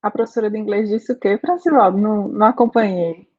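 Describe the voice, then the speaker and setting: During a live online programming lesson, a Brazilian teacher with a Brazilian Portuguese accent questions her students and reasons aloud in a conversational manner, constantly adding "né?" and "tá?". She speaks quickly in a mid-range, darkish voice, captured in slightly dull lo-fi audio.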